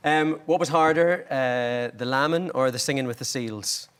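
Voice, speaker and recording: Man, talk show host, mid pitch, hesitant questions, studio interview. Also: moderate pace, fairly bright tone, smooth. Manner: hesitant, many uhs and ums. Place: television studio.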